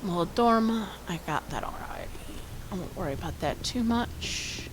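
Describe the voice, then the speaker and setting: A woman's voice: mid-range voice, lively intonation, moderate pace, background noise. A woman from the US chatting casually and wryly while playing a game on stream. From United States. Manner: chatty, rambling, wry. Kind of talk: casual gameplay commentary.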